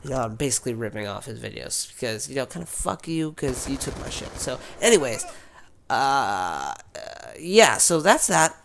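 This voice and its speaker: A man with a sick, worn voice talks casually to his viewers, wandering between points and restarting his sentences. His pitch sits in the middle range, and a faint noise hums under the recording. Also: very animated, normal speed, vocal fry, fairly bright tone. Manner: rambling, with many fillers and restarts. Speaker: gaming YouTuber. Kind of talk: rambling casual vlog talk.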